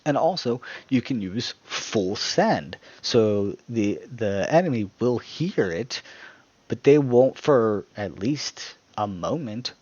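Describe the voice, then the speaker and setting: A man's voice: medium pitch, animated, slow pace, a little mellow, breathy edge, no room sound, dull audio. A man giving a casual, rambling tutorial on game tactics, often restarting his sentences. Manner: rambling, self-correcting, breaks into laughter at his own jokes. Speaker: gaming guide creator.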